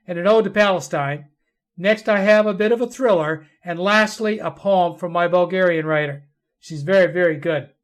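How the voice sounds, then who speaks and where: A man's voice: sits high, fairly bright tone. A man hosting a podcast of short stories and poetry, introducing and reading pieces as a storyteller. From Ireland or Irish descent.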